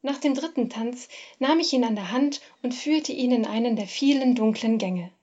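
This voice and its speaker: A woman narrating a first-person literary story in a measured, expressive reading. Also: a little high, highs cut off.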